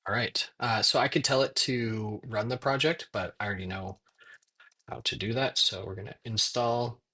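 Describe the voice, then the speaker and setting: A man giving a casual software tutorial, thinking aloud as he works at his computer. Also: mid-range voice, fairly even intonation. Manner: thinks aloud while typing, dictating prompts in slow pieces. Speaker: software demo presenter. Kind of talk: casual screen-recorded tutorial narration.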